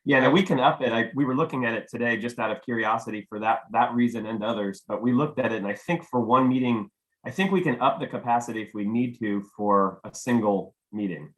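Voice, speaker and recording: A man, a little hoarse, chatting casually while setting up a video call as host. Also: mid-range voice, brisk, low-quality recording. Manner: chatty, easygoing, mutters while working. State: losing his voice. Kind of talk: casual Zoom tech check. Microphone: computer mic on video call.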